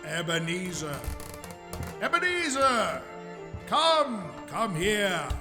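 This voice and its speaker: A hearty, commanding Christmas spirit in a radio play, pitched on the high side. The delivery is theatrical and unhurried, stretching out the calls with big swoops, over faint music. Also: male voice, sing-song, heavily acted. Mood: booming summons.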